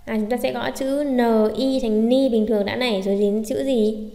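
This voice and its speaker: A woman's voice: a little high, steady tone, moderate pace, mellow. Echoey woman teaching, asking and answering. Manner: asks questions then answers them herself. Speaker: Japanese teacher. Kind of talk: explaining lesson.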